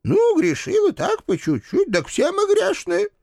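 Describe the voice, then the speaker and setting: A shrill, crackly old landlady who scolds in rustic, threatening turns, put on by a man reading a storybook. Her voice sits high and leaps all over, with a gravelly fry. The sound is close and dry. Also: huge pitch swings, a little slow, darkish tone, no room sound, heavily acted. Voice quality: shrill, creaky old-woman voice. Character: cantankerous old village landlady with a shotgun.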